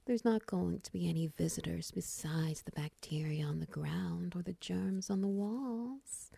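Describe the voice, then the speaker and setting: In this heavily acted romance roleplay of the intimate ASMR kind, a female voice actor becomes a doting, seductive spider woman. She speaks right up close on a dry, echo-free mic, her lowish voice very dark, soft, and breathy, frequently drifting into a whisper. Slow and coaxing, she teases with endearments in a soothing, caring way.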